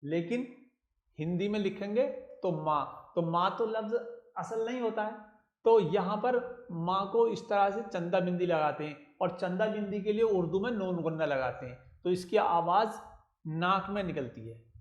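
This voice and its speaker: A man's voice: high voice, measured pace, echoey room, dull audio. A man teaching Urdu script, patiently spelling words out letter by letter. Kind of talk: slow spelling lesson.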